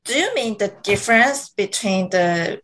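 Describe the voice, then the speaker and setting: Slow-speaking Korean-accented woman. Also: mid-range voice, animated, a bit bright, a little hiss or hum, low-quality recording. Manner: searches for English words, hesitant. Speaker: guest. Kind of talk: casual podcast chat.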